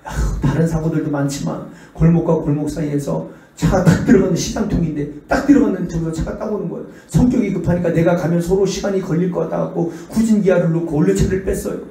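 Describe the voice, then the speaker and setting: A man's voice: fairly high pitch, fast, vocal fry, hardly any pauses. A middle-aged male pastor giving a revival sermon, telling stories animatedly and acting out the people in them. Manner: animated, acts out the voices in his stories. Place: church sanctuary. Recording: echoey church hall, distant mic.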